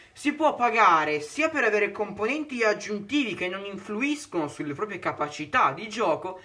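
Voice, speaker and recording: A man co-hosting a podcast talk with a bright, sharp tone. His pitch moves a lot as he walks through his points step by step, methodical and explanatory. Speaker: podcast co-host. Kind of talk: podcast discussion.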